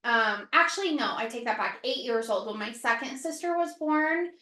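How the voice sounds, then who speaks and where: A woman with a bright, fairly high voice chatting openly on a podcast. She laughs easily and swears without fuss. The room adds a noticeable echo. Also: expressive, moderate pace. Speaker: podcast co-host and yoga instructor. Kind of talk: casual chat. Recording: roomy echo.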